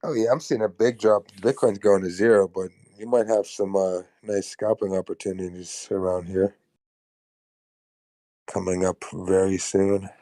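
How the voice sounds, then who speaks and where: A man's voice: deep voice, fairly even intonation, a little slow, warm tone, dry recording. A man giving offhand, wry takes on the market in a casual group voice chat.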